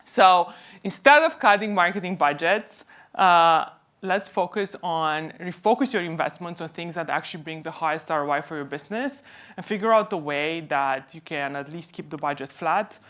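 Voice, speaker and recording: A low-pitched woman from Romania, a native Romanian speaker, gives a conference presentation as a company co-founder. She explains things by posing questions and then answering them, at a moderate pace with a fairly bright tone.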